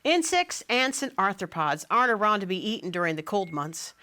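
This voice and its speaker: Bright, animated woman reading a picture book. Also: medium pitch, a little fast, clear, resonant tone. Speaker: children's book author. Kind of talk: storybook read-aloud.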